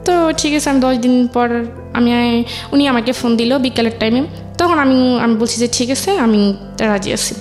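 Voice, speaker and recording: A woman guest on a show recounts a personal story, re-telling conversations as she goes. Her voice is on the high side, a little mellow, and at normal speed, with background music underneath.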